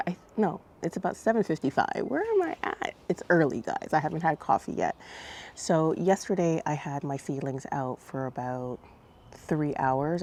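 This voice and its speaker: Low-voiced woman chatting casually over background noise. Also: warm tone. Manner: chatty, informal, addressing viewers. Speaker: gardening vlog host. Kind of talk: casual vlog chat to viewers.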